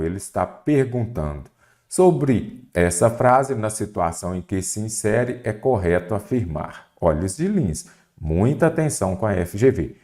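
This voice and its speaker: Male Brazilian exam-prep teacher, low voice, very animated delivery, keeps asking the class questions. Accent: Brazilian Portuguese. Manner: animated, lively pitch swings, rhetorical questions. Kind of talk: online exam prep lesson.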